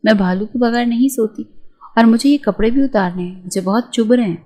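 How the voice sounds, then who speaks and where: A petulant, sleepy teenage bride, put on by a woman narrator in an audio storybook. She whines and pleads in a slightly raised, soft-toned voice. The sound is mellow and unhurried. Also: on the high side, close to an everyday voice. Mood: sleepy whining.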